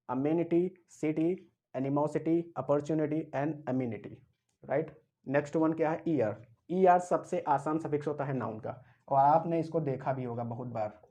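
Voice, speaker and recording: A man's voice: on the high side, mellow, lo-fi sound. A man teaching English grammar, explaining step by step, spelling words out and asking and answering his own questions. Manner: spells out and repeats words slowly. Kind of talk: classroom-style grammar lecture.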